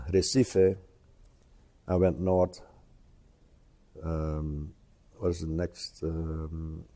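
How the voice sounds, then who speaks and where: Man in his seventies, low pitch, hesitant, frequent fillers and "eh?" tags, casual interview. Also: mellow. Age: 70s. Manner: hesitant, many pauses and fillers, tag questions like "eh?". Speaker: interview guest, retired traveler.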